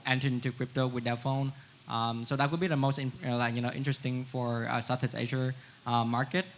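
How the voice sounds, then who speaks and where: A man from Vietnam answers on a conference panel in a flat, even tone. He talks haltingly, leaning on fillers as he goes. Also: medium pitch. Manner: halting, many fillers like "you know". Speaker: panelist, crypto wallet founder.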